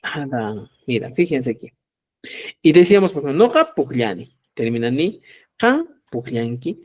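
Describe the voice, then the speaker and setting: A middle-aged man leads a live online language lesson in a lively, talkative way. He plays both speakers in short sample dialogues, lifting his voice for each question. He keeps checking in with his viewers and calls them dear friends. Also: medium pitch, moderate pace. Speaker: Quechua language teacher.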